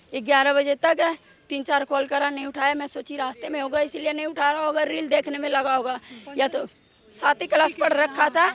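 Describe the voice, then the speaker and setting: Woman, grieving mother, high-pitched, pleading, street interview outdoors. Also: a bit bright. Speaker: victim's mother.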